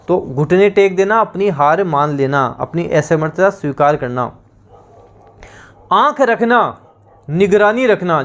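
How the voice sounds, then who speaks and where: A man teaching an exam-prep language lesson. He repeats each word several times and asks the class questions that he answers himself. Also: high voice.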